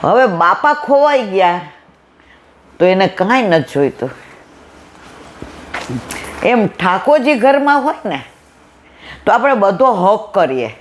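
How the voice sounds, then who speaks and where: A woman's voice: medium pitch, big pitch swings, takes it slowly, long pauses, a little hiss or hum. Woman telling a folksy devotional story. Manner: acts out family dialogue in a folksy style. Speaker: satsang speaker.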